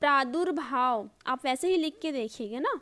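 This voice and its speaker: A woman teaches an online spelling lesson step by step, repeating each word and checking in often with "okay?" or "ठीक है". Her voice sits high, expressive and a bit bright, at a moderate pace. There's no room sound.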